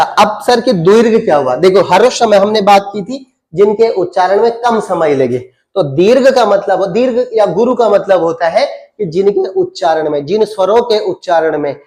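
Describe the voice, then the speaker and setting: A man's voice: high-pitched, a little mellow. A man with an Uttarakhand Hindi accent teaching grammar, asking and answering his own questions and drawing out vowels to show their length. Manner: draws out vowels to demonstrate them. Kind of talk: classroom-style lesson with questions and answers.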